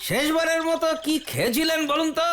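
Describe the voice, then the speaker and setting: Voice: very high voice, brisk. An actor voicing an inquisitive, bewildered village doctor with a probing, incredulous manner in a comic cartoon. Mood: suspicious. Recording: loud music bed behind the voice.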